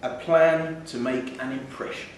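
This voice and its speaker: Speaking a little slowly in a steady, mid-range voice, a man reads a literary short story aloud before a live theatre audience indoors. The distant microphone leaves the recording very echoey and faintly noisy.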